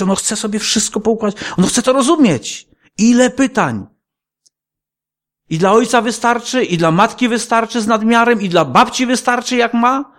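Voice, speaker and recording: A male pastor preaching a sermon in a conversational style, with frequent rhetorical questions. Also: high-pitched. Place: church.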